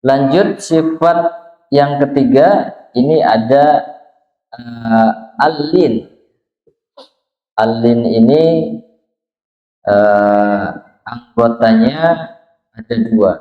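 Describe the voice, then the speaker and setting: A man's voice: medium pitch, very slow, pauses often. A man teaching the pronunciation of Quranic letters in a small prayer room, patiently demonstrating sounds and drawing out recited words. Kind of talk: slow Quran pronunciation lesson. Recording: roomy, dull lo-fi sound.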